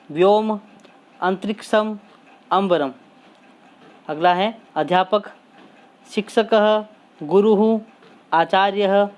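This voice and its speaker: Slow, deliberate male teacher reading lists. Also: high voice.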